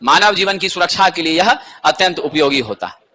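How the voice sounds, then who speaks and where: A man's voice: fairly high pitch, lively intonation, a little fast, pushed and bright, slight background noise. A man teaching an exam-prep lesson, asking questions and answering them himself.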